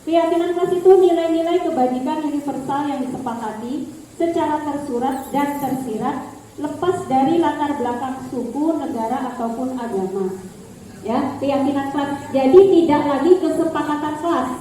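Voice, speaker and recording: A woman's voice: high voice, normal speed, dark tone, a little hiss or hum. A woman teacher explaining classroom practice to colleagues, repeating key terms and addressing them as Bu. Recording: echoey room from far off.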